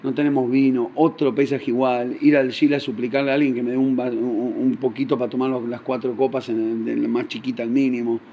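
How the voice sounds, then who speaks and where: A man's voice: mid-range voice, flat delivery, brisk, hardly any pauses, mellow, a little hiss or hum, close to an everyday voice. A man with a Rioplatense Spanish accent voicing a poor, despairing middle-aged husband who complains and pleads.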